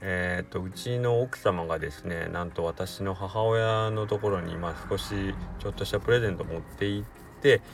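A man's voice: low-pitched, moderate pace. A middle-aged man hosting a solo podcast, rambling casually about everyday things. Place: inside a car.

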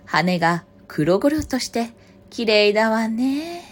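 A woman voicing a sly mother fox in a picture-book reading, with sweet, drawn-out flattery. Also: a little high. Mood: flattering. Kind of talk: picture-book read-aloud.

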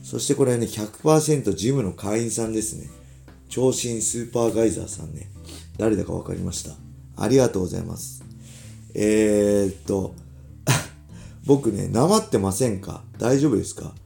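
A man in his forties from Ibaraki, Japan, hosting a casual solo podcast in a relaxed, chatty way with lots of filler asides. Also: fairly low pitch, moderate pace, vocal fry, faint music behind. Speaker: podcast host, former pro fighter.

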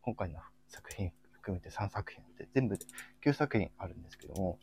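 He co-hosts an informal group chat livestream and presents topics in a polite, unsure manner, peppered with fillers. His low voice is animated and fairly quick, with vocal fry, a somewhat mellow quality, and a breathy edge.

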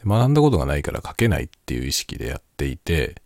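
A man talking quietly in a casual late-night solo chat, reflective and explanatory, often repeating his key phrases. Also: very deep voice, very animated, fast, no room sound, clean studio sound. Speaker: solo host of a spoken chat.

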